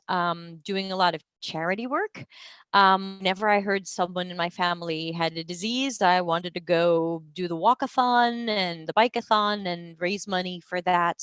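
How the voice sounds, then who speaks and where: A woman's voice: lowish voice, fairly bright tone, clear, resonant tone, dry recording. Chatty woman in her forties, dry close sound. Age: 40s. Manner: chatty, self-deprecating, lots of ums and uhs. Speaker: UX professional telling her story. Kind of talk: casual live-stream monologue.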